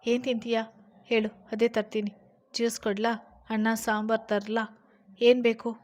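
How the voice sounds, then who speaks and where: A woman's voice: a little high, level tone, moderate pace, darkish tone, close to an everyday voice. A woman voicing a protective young husband who questions his sick wife firmly and scolds her. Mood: tender.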